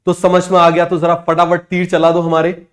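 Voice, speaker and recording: A young man teaching biology for an exam, drilling students with repeated quick questions and answers, and using English terms with an Indian accent. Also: high-pitched, completely flat delivery. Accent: Indian English terms within Hindi speech. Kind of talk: exam-prep lecture.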